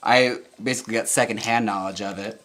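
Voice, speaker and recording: A man's voice: fairly low pitch, steady tone, brisk, fairly bright tone. Chatty campy man, laughs often. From United States. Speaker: drag performer and channel host. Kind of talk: casual chat while reading viewer comments.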